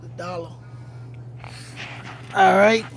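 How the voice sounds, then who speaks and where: A man's voice: high voice, fairly even intonation, slow, creaky. A middle-aged man filming a casual walkthrough of a store aisle on a phone at arm's length, pointing out prices to viewers over and over. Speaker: vlogger. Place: large store aisle indoors. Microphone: phone held at arm's length. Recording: noisy store ambience.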